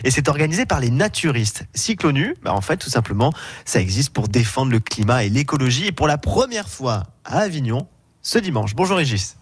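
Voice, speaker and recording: A man's voice: mid-range voice, sing-song, a little fast, husky. A man working as a radio reporter, chatting casually with a guest and dropping plenty of fillers.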